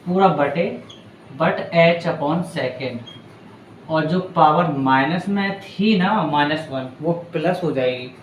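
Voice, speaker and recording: A man's voice: on the high side, echoey room, slight background noise, low-quality recording. A man teaching a physics numerical at a board, patiently talking students through each step in a chatty, reassuring way. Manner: patient, chatty, addresses students as bhaiya and beta. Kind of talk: board lesson explaining a numerical.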